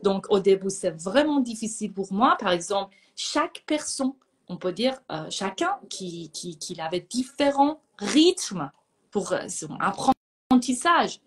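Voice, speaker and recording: A psychologist from Iran, whose first language is Persian, is a guest in a casual conversation. Her mid-range voice stays calm and reflective, and she often pauses to find her words.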